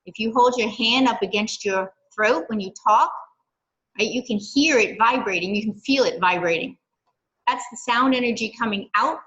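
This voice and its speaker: An older woman with a bright, fairly high voice, leading a children's science lesson. She explains each step gently and checks in with "okay" and "right." She also reads aloud from a storybook. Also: moderate pace, dull audio. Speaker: library science program leader.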